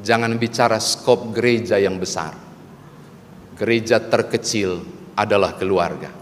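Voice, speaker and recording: A male pastor preaches a sermon, acting out a funny dialogue with high, loud voices for the characters. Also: measured pace, a little hiss or hum. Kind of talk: sermon with a comic story. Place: church. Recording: long church hall reverb, faint ambience.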